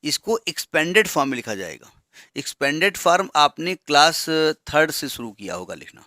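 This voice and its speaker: A man's voice: fairly high pitch, very animated, pushed and bright, no room sound, studio quality. A man teaching a maths lesson, explaining step by step with asides and rhetorical questions. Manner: reads English problem text slowly and deliberately.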